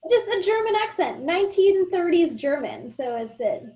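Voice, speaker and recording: A woman hosting an interview, asking brisk questions. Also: very high voice, very animated, mellow, poor audio. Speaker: interview host. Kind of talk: conversational interview.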